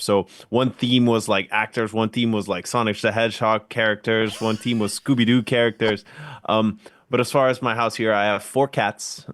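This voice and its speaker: A man's voice: on the low side, a bit bright, no echo, studio quality. A man who is a band member, guesting on a podcast from home and talking in a laid-back, rambling way. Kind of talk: casual interview chat. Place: home studio.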